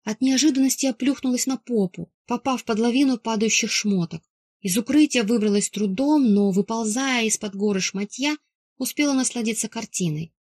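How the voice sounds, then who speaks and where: A woman's voice: a little high, moderate pace, darkish tone, slightly rough, no room sound, clean studio sound. Woman narrating a wry first-person novel. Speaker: audiobook narrator.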